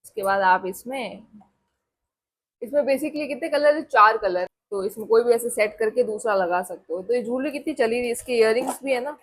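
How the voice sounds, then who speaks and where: Young woman vlogging, rambly chat, kinda husky, bit high pitched, calls everyone guys. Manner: chatty, rambling, addresses viewers as guys. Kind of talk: casual chat to camera.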